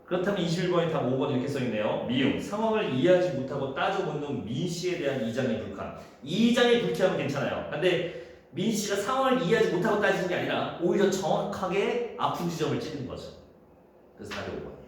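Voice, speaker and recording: A man teaching a high school Korean class, talking casually through exam questions and thinking aloud. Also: sing-song, fast talker. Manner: casual, thinks aloud, acts out quoted dialogue in a raised voice. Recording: echoey room with faint noise.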